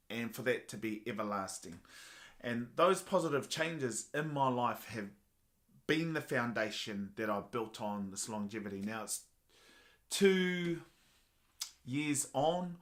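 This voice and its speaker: A man's voice: medium pitch, a bit bright. A man with a Māori New Zealand accent talking earnestly and motivationally to viewers in a personal vlog. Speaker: vlogger.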